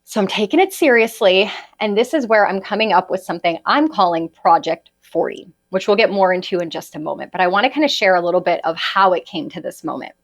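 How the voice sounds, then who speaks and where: A woman's voice: mid-range voice, expressive, fast. A woman in her late thirties hosting a solo podcast, talking in a chatty, confiding way and tossing in frequent "right?" asides to her listeners. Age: 30s. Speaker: podcast host and holistic health coach.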